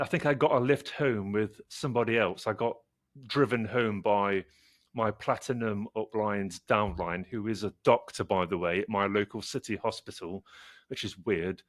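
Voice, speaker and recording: A man, a podcast guest, telling anecdotes in a casual, wry way and acting out bits of dialogue. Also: on the low side. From United Kingdom. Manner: wry anecdotal storytelling with acted-out asides. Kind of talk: casual chat.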